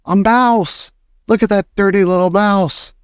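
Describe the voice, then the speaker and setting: Man acting out hostile yelling cook, raised pitch. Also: fairly even intonation, unhurried, smooth, dry recording, studio quality. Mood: alarmed, furious. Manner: shouting urgent commands. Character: hostile kitchen cooks yelling to catch a mouse. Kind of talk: storybook character voice.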